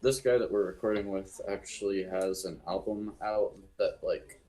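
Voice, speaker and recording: A man's voice: deep voice, fairly even intonation, moderate pace, mellow, rough recording. A man in his twenties, a band member talking casually on a podcast in an easygoing, matter-of-fact way. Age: 20s.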